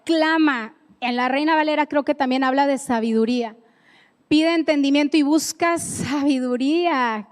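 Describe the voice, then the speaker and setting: A woman's voice: sits high, moderate pace. A woman preaching a sermon in a church, emphatic and repeating key phrases, with playful asides. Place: church sanctuary. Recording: echoey hall with long reverb.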